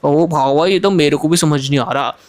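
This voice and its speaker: A woman's voice: low-pitched, moderate pace, a little mellow, voice pushed down, natural voice. A woman voicing a lazy, laid-back talking pet dog who grumbles drowsily in a game machinima. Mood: grumbling. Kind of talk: fan-made game machinima voice acting.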